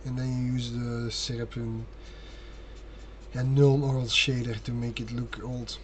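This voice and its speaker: A man with a Flemish Belgian accent, a native Dutch speaker, chatting casually and haltingly in English as he paints on an amateur livestream. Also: mid-range voice, flat delivery. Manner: apologetic, halting, thinking aloud. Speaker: amateur hobby painting streamer. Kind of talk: casual chat while painting miniatures on a livestream. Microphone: sensitive stream mic picking up breathing. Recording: noisy amateur mic with audible breathing. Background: clear noise, brush sounds.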